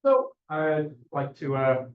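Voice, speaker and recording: A man giving an academic thesis defense presentation as a doctoral candidate, explaining in a hesitant, halting way with self-corrections. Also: a little high, sing-song. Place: echoey indoor room. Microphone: distant room microphone. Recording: dull, echoey room, distant mic.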